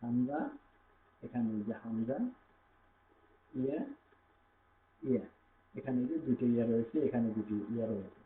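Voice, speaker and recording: A man with a Bangladeshi Bengali accent gives a slow, patient reading lesson, sounding out letters one by one and humming between them. His voice comes through thin and phone-like. It echoes around a bare room over a faint hum. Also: medium pitch, fairly even intonation. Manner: patient, repeats each letter with filler hums. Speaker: Quran reading teacher. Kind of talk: slow classroom-style lesson, spelling out letters.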